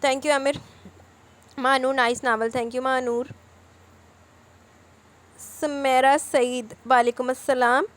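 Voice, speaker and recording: Woman host with a high voice going through her comments one by one. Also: flat delivery, takes it slowly, long pauses, a bit bright. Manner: reads viewer comments aloud and answers each one. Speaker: novel-reading channel host. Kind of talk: casual comment-reading chat.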